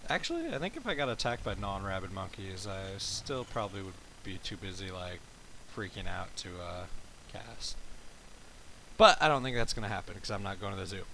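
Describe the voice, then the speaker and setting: A man's voice: low-pitched, sing-song, fairly quick, gravelly, background noise. A tired man giving laid-back, rambling gameplay commentary, swearing casually as he explains his moves. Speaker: game commentator.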